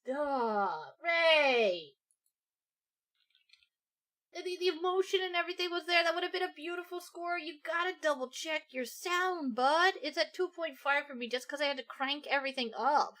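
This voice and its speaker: High bright woman hosting, swearing freely. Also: moderate pace. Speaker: host. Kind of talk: casual livestream chat.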